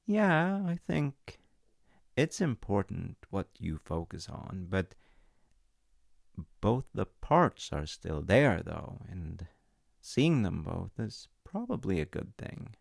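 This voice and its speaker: A male voice actor plays a caring, patient middle-aged dad in an audio roleplay, using a very deep, gravelly, exaggerated voice with big pitch swings. He speaks softly, gently and reassuringly, unhurried, sometimes dropping to a whisper. The sound is close and dry, with no room sound.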